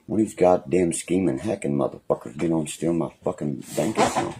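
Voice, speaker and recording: With an extremely low, mellow voice and a brisk pace, a young West Virginian man livestreams from his phone at home in a small room, with a little hiss or hum in the audio. The rant is angry and rambling, full of threats and constant profanity.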